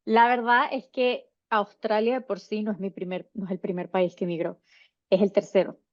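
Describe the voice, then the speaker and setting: A woman's voice: mid-range voice, level tone, moderate pace, dry recording. Chatty Venezuelan woman, dull dry sound. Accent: Venezuelan Spanish. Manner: chatty, rambling with many restarts. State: seven months pregnant. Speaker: interview guest. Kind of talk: casual interview.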